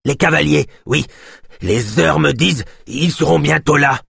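Small frightened oddball, played by a man, yelping high warnings in an audiobook; husky edge. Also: measured pace, a bit bright, no room sound, clean studio sound, full character voice. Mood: fearful. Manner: high, shrill, frantic outcries. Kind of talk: audiobook narration.

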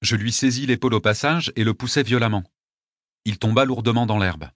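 A man narrating a story in a steady, measured way. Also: on the low side, no echo, clean studio sound. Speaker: audiobook narrator. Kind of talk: scripted narration.

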